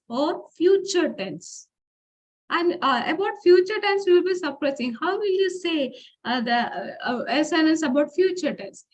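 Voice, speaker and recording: High-pitched woman giving a lecture. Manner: explains slowly with frequent fillers and restarts; reads example phrases aloud. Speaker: forum speaker. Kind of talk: informal lecture presentation.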